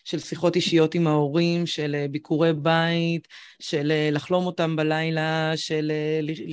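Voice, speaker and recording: A woman's voice: sits low, darkish tone, clean tone. Hesitant woman co-host, searching for words. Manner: searching for words, many pauses and fillers. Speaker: podcast co-host, educator. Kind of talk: reflective casual chat.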